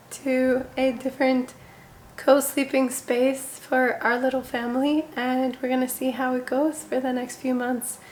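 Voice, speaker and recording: A young woman speaks from her bedroom in a relaxed, chatty home-tour manner, her voice a little hoarse and sitting fairly high. Her delivery stays level, without much rise and fall. A faint background noise runs underneath. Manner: chatty, relaxed, with frequent "like" fillers. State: voice somewhat hoarse. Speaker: parenting vlogger. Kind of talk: casual home tour talk. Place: her bedroom, seated indoors.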